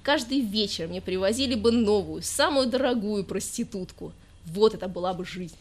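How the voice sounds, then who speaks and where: A woman voicing a drunk, self-pitying young male poet who rants in a loud, drawn-out, whiny way. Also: mid-range voice, lively intonation, lightly acted. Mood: pompous sulking.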